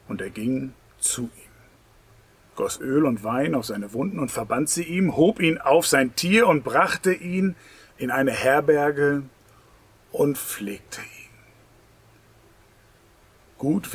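A man preaching a sermon, swinging between loud, emphatic lines and near whispers. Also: mid-range voice, husky.

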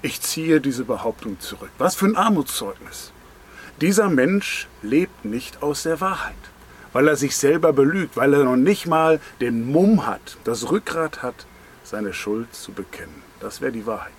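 A man's voice: mid-range voice, animated, measured pace, slight background noise. A man preaching a devotional sermon, earnest and direct, asking the listener pointed questions. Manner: pointed, emphatic phrasing. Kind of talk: devotional sermon on a Bible verse.

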